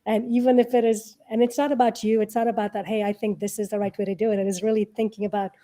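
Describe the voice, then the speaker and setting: Speaking fast in a mellow, medium-pitched voice with little pitch movement, this middle-aged interview guest, who leads tech products and invests, answers in a chatty way. She frequently voices imagined quotes to drive her points home.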